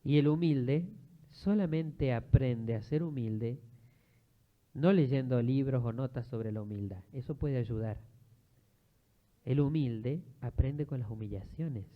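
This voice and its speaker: An Argentine man preaching as a priest, with a voice of middling pitch. He moves from storytelling into firm, emphatic exhortation. The recording is dull and lo-fi. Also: slow. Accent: Argentine Spanish. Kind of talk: sermon. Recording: muffled lo-fi recording.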